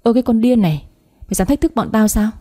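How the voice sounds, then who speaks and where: A shrill, quarrelsome stepmother in a spoken story, nagging and scheming, as a woman narrator puts her on. The voice sits a touch higher, with a soft husky grain. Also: lively intonation, fast.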